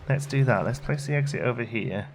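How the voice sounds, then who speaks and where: A let's play host gives casual, low-key commentary on a video game, thinking out loud and muttering to himself as he plays. He talks fairly quickly, and a little hiss or hum is audible.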